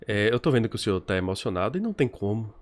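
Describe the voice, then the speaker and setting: A man with a low voice conducts an interview. He asks short, gentle questions and speaks calmly. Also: racing. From Brazil.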